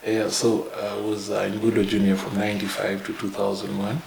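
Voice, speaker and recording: A man in his thirties from Uganda, a podcast guest telling his life story in a halting way with many fillers and little chuckles. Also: on the low side, completely flat delivery, creaky, a little mellow, roomy sound, poor audio. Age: 30s. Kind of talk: casual interview, life story.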